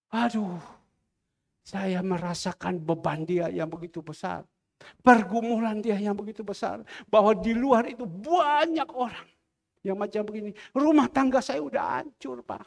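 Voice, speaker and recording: A man's voice: very high-pitched, vocal fry. A pastor preaching a sermon, emphatic and repetitive, acting out the people he quotes. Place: large church hall. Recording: reverberant church hall.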